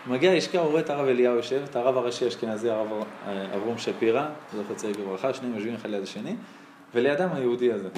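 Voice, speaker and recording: A rabbi preaches a sermon woven with stories, his mid-range voice rising and dropping sharply. The recording has a roomy echo and a noisy background.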